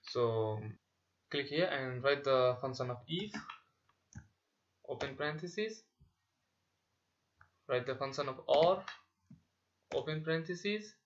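A man narrates a software tutorial as if dictating, one instruction at a time. His delivery is slow and halting, in short phrases at a medium pitch. The sound is dull and lo-fi. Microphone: voice-over on a screen recording.

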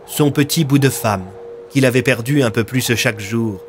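A man reading a dramatic audio story in a steady, expressive voice. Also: mid-range voice, normal speed. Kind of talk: scripted dramatic narration. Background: faint music.

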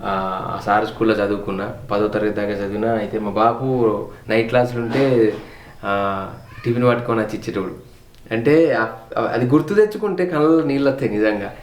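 A man's voice: on the low side, brisk, echoey room. A man with a Telangana Telugu accent, a vlogger telling his family's story in a heartfelt, reflective way, repeating words for emphasis. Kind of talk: personal storytelling on a home tour.

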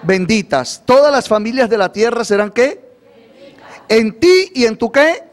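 Male preacher with a high voice, livestreamed sermon, leads call-and-response with the congregation. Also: expressive, normal speed. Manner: asks the congregation for call-and-response, repeats questions. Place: church or studio, livestreamed.

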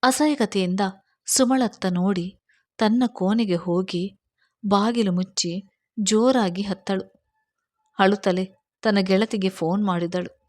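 A woman narrating a storybook with a steady, expressive reading. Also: mid-range voice, measured pace, long pauses, dry recording, clean studio sound.

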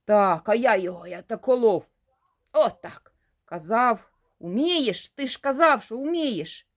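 A woman voicing a young man who talks in a pleading, excitable way. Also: a little high, measured pace. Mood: exasperated. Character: scared, bruised young man, the storyteller.

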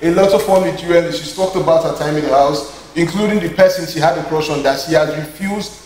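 A man's voice: a little high, darkish tone, echoey room, slight background noise, poor audio. A man with a Nigerian accent interviewing a guest in a playful, teasing way. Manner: fast, teasing, playful questioning. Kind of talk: casual interview.

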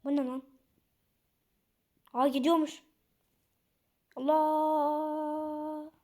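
A young woman with a high, mellow voice giving casual game commentary. She chats to her viewers as she plays, bursting out in frustration and excitement along the way. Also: moderate pace. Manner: chatty, excitable, outbursts of frustration. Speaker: gaming channel host.

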